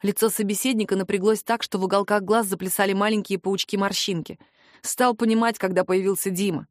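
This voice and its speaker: A woman narrating a first-person novel in a lively, expressive storytelling manner. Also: medium pitch, fairly quick, no room sound, studio quality. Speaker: audiobook narrator.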